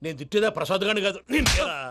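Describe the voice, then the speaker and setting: A man's voice: high-pitched, noisy background, lightly acted. An actor playing a hot-tempered man who fires off strings of colourful insults in a film. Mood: insulting. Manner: rapid scolding, strings of insults. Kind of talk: film dialogue.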